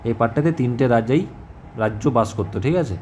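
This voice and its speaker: A man teaching an exam-prep history lesson in a conversational way, often pausing to check that students follow. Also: medium pitch, darkish tone, slight background noise. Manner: conversational, repeats "ঠিক আছে?" as a check-in, many fillers.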